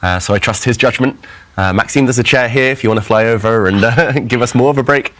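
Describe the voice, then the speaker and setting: A man's voice: medium pitch, fast talker, fairly bright tone. A man giving conversational live chess commentary.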